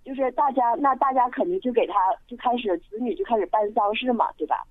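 Calling into a radio show from Sichuan, China, a woman tells a ghost story over the telephone, filling it with hesitant fillers. Her voice is on the high side and quick, carried on a tinny, dry phone line with no room sound.

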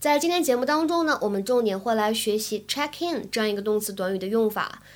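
Woman English teacher, slightly high voice, clear and careful explanations. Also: expressive, quick pace. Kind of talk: language lesson.

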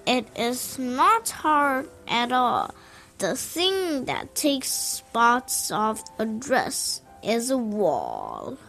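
A woman voicing a playful, boastful male cat in a hat for a read-aloud picture book, drawing out his words in a slow, sing-song way. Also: fairly high pitch, huge pitch swings, creaky, fairly bright tone, faint music behind, pitched above the performer's own voice, heavily acted. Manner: slow, drawn-out, sing-song storybook delivery.

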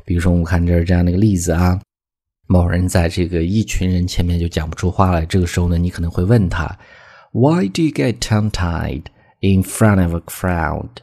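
Deep, mellow-voiced male English teacher. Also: little pitch movement. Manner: patient, repeats phrases slowly and clearly. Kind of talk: explaining vocabulary, reading example sentences.

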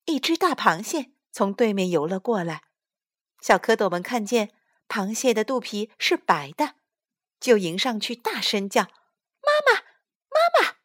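A woman reading a children's story aloud to her child, expressive and unhurried. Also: medium pitch, no room sound, studio quality. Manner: expressive, slow storybook telling. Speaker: storyteller mother.

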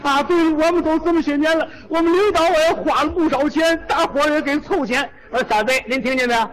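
High-voiced Tianjin comedian telling a comic tale. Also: male voice, quick pace, rough recording. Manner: animated, slips into exaggerated character voices and shouts. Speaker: crosstalk lead comedian. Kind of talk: comic crosstalk storytelling.

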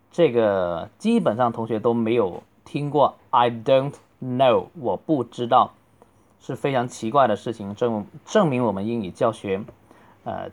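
A middle-aged man, a native Chinese speaker, teaching a beginner English lesson and slowly drawing out each model phrase. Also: mid-range voice. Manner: slow, drawn-out model phrases between quicker explanations.

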